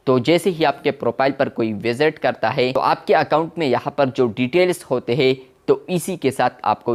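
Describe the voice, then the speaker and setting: A man presenting a tech tutorial, explaining app settings step by step and often addressing viewers as friends. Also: mid-range voice. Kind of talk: screen-recorded tech tutorial.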